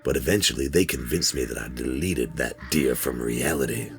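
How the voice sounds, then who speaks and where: Over background music, a man with a creaky bass voice and a moderate pace portrays a laid-back, middle-aged metal detector hobbyist. In a folksy, rambling, conversational style, he recounts a strange find as a first-person horror story, in a hushed and uneasy mood.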